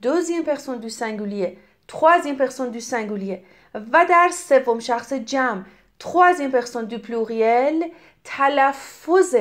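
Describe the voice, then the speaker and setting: A middle-aged woman from Iran teaching French grammar, explaining in Persian and reading French examples slowly and clearly. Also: on the high side. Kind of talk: grammar lesson.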